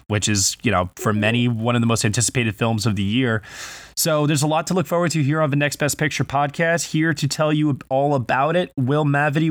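A man's voice: mid-range voice, dry recording. Upbeat man hosting a podcast. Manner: upbeat, plugging the show. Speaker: podcast host. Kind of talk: casual chat and show outro.

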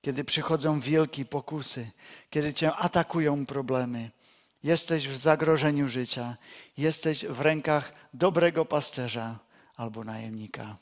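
Slow and measured, a pastor gives a sermon in which he returns again and again to key lines. At moments of emphasis his voice goes quiet and low, and he slips in folksy stories here and there.

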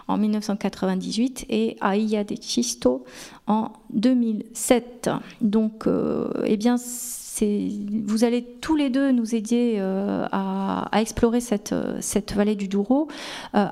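A woman moderates a conference panel, stopping often to restart her sentences and fill pauses. Her voice sits a little high and has a soft, mellow tone. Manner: halting, many fillers and restarts. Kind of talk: hesitant conference introduction. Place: conference hall.

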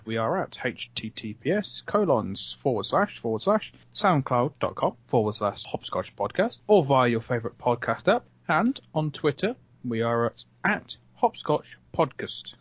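A man's voice: mid-range voice, big pitch swings, normal speed, breathy edge, muffled recording. A man co-hosting a podcast, joking and punning in casual chat. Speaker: podcast co-host.

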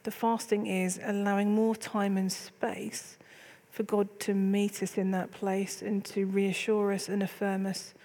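A woman's voice: mid-range voice, flat delivery, a little slow, warm tone. Woman, middle-aged church leader, chatty and candid, host of a casual faith talk.

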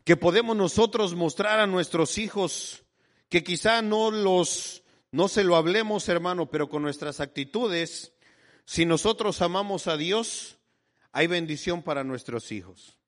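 A man preaches with fervor, leaning on "brother" as he drives each point home. His voice sits on the high side for a man. It rings out with a long reverb, like a church hall. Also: measured pace, a bit bright. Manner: fervent preaching, addressing listeners as brother constantly. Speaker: pastor. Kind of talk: sermon.

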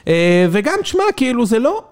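A man with a notably high voice co-hosts a casual sports chat. He jokes, rambles through fillers and laughs often as he riffs with his co-hosts. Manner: animated, joking, laughs often. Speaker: podcast co-host.

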